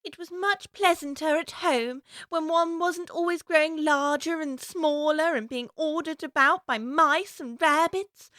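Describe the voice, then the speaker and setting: A woman's voice: very high-pitched, sharp tone, no echo, heavily acted. A woman playing Alice, a curious young girl chattering away to herself in a prim, wondering way, for a full-cast audiobook.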